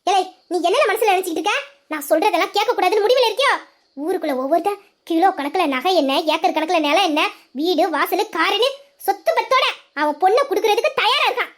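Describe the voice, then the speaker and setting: A performer voicing a nagging, shrill middle-aged village mother, in an audio drama. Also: lively intonation, fast, a bit bright. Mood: angry scolding.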